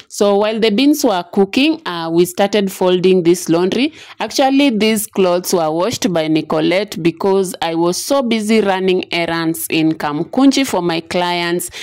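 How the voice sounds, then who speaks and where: A woman narrating her home vlog in a relaxed, chatty voice, with frequent filler sounds. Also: lowish voice. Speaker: vlogger.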